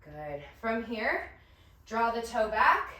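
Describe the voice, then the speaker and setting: An upbeat woman coaches a pilates class at an unhurried pace, counting down reps and cheering between breaths. She is out of breath as she cues each move. Her voice sits back from the mic in a very echoey room. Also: a little high, big pitch swings, sharp tone, recorded from a distance. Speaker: pilates instructor. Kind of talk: cueing a workout class. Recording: roomy echo, voice from off the mic.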